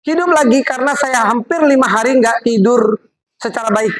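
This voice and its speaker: This MLM product presenter has a slightly high voice and a moderate pace, heard through poor audio. She leads a live demonstration to a group, chatty and coaxing as she guides volunteers, with the audience's crowd noise behind.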